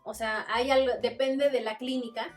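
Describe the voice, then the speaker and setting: A woman's voice: fairly high pitch, steady tone, normal speed, recorded from a distance, faint music behind. A woman with a Mexican accent, chatting casually in a book review vlog and acting out little quoted exchanges. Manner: chatty, acts out quotes with voices.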